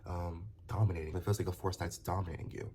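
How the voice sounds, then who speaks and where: A young man vlogs to camera, rambling casually in a low-pitched, mellow voice with a level tone and quick pace. He stammers, restarts often, leans on fillers, and grows heated and emphatic as he argues his point. A little hiss or hum runs under the recording.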